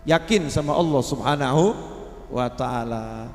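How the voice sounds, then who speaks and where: A man's voice: medium pitch, a little slow, faint music behind. A man preaching a sermon, asking the congregation questions and briefly acting out the people he quotes. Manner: animated, acts out quoted voices, asks the audience questions. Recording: echoey hall.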